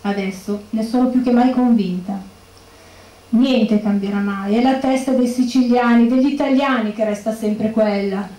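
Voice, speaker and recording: A woman's voice: fairly high pitch, fairly even intonation, moderate pace, warm tone, close to an everyday voice. An actress playing the grieving widow of a murdered policeman, bitter and accusing, in a stage monologue. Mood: indignant. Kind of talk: theatrical monologue. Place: bookshop stage. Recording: echoey room.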